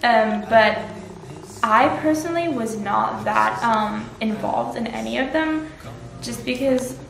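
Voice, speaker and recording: A woman's voice: fairly high pitch, slow pace, gravelly, fairly bright tone, soft background music. A young woman from Turkey, an international student, answering interview questions in a thoughtful, hesitant way. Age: young adult. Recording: echoey room.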